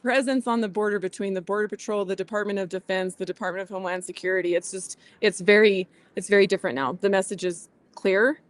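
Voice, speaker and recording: A woman's voice: medium pitch, steady tone, fast, few pauses, dry recording. A woman explaining things plainly as a guest in a casual interview. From southwestern New Mexico, USA. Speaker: rancher and podcast guest.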